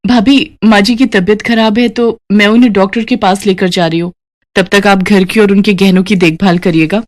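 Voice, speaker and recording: A woman voicing a sharp, suspicious young sister-in-law in a cartoon story, speaking with accusing confidence. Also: medium pitch, fairly even intonation, normal speed, close to an everyday voice. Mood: polite.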